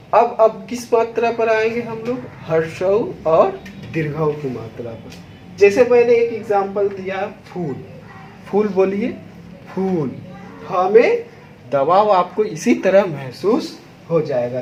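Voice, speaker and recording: Slow, high-voiced Hindi teacher in echoey room. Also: male voice, darkish tone, slight background noise. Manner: slow, stressing each syllable aloud to demonstrate; addresses students directly, firm and instructive. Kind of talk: classroom lesson.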